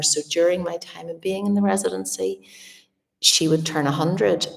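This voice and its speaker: A woman talks in a deep, gravelly voice with slightly slushy s sounds. She chats casually and reflectively, halting as thoughts trail off, in a very echoey room. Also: darkish tone. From Northern Ireland. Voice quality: slight slushy lisp from a retainer. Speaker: artist and art teacher hosting a live Q&A. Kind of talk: casual livestream chat. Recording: echoey room, distant from the mic.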